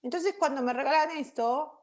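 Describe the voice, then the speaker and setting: A woman's voice: high-pitched, normal speed. A woman giving an informal spiritual talk to viewers. She rambles with restarts, keeps checking in with 'ok?' and drops English words into her Spanish. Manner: chatty, checks in with frequent 'ok?'. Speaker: spiritual teacher.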